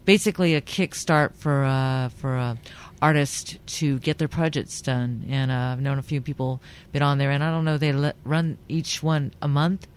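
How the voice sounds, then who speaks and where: A woman hosting a casual radio interview, chatty and quick to laugh. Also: low-pitched, fairly even intonation. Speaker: radio show host.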